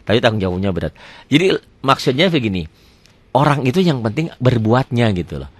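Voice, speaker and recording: A man teaching a beginner tajwid lesson, asking and answering his own questions and slowing down to recite examples. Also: mid-range voice, sing-song, slightly rough, dry recording. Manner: switches between chatty talk and slow drawn-out recitation.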